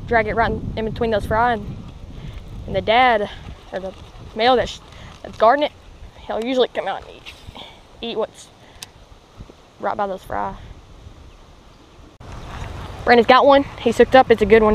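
A young man giving excited, rambling commentary outdoors by a pond, full of fillers and restarts. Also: sits high, unhurried, long pauses, a little hiss or hum, low-quality recording. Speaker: fishing vlogger.

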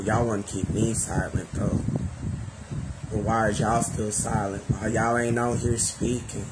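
A man's voice: fairly low pitch, very noisy. A man in bed at home, giving a profane, accusatory and repetitive monologue rant. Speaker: vlogger.

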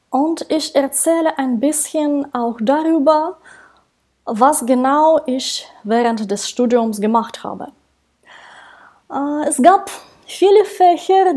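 A woman in her thirties, speaking German as a non-native, sits in a small room with a dark backdrop and talks to camera about her work as a translator and interpreter. Her voice is high-pitched, and her careful, slow delivery is full of hesitations and soft laughs. Sound comes through a wired earphone mic.

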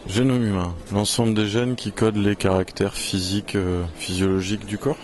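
A man's voice: fairly low pitch, level tone, moderate pace. A man giving articulate, blunt answers in a street vox pop, on a handheld mic outdoors. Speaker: street interviewee. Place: city square outdoors. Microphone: handheld interviewer mic.

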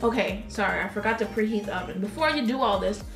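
Talking fast at medium pitch, a young adult woman rambles through her home cooking vlog in an informal, friends-chatting style, leaning on "like" and "you know." She's in her kitchen, picked up by a camera across the table that sounds roomy and distant, with background music playing.

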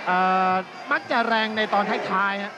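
High-voiced male boxing co-commentator. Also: normal speed, over loud music. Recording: old TV broadcast, loud crowd noise. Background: loud stadium crowd.

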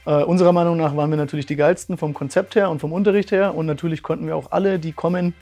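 A man's voice: a little high, steady tone, rapid-fire, dark tone, faint music behind. A man in his thirties, a martial arts school owner, telling his story in a testimonial interview, earnest and thoughtful, with many fillers. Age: 30s. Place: bright room with curtains, indoors.

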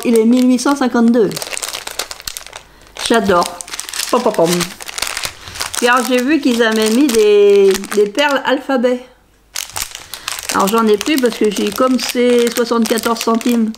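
A middle-aged woman, chatting casually and rambling as she shows off a craft shopping haul, laughing at herself as she goes. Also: on the high side. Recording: faint background noise with crinkling bags.

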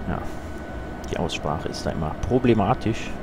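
Low-voiced German man over loud drone. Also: lively intonation, normal speed. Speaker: gaming video host. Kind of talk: casual game commentary. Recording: loud train engine drone. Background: train simulator running noise.

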